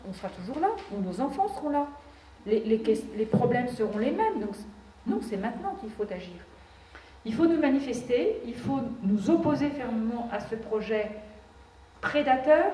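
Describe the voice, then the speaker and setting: Earnest yet given to ironic remarks, a woman representing an association addresses a public meeting and frequently starts her phrases over. She has a slightly high voice with a dark tone, heard through a far-off microphone in a reverberant hall with faint noise behind.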